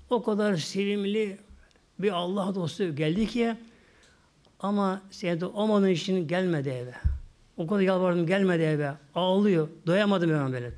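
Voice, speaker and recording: A man voicing a shy, devout young wife who speaks in a softly grateful, pleading way. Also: sits high, normal speed, close to an everyday voice.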